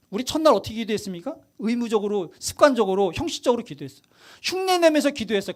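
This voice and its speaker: A male pastor preaching a sermon to his congregation, telling stories with animated voices and asking questions, sometimes dropping to a quiet voice. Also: extremely high pitch. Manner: animated storytelling, acts out quotes and asks the congregation questions; drops to quiet, soft emphasis at points.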